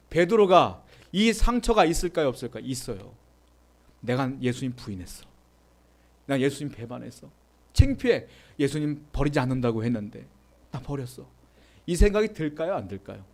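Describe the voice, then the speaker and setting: Pastor, male, preaching in a chatty manner with frequent questions to the congregation, somewhat high-pitched. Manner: conversational preaching with rhetorical questions; reads scripture aloud with the congregation. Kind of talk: sermon.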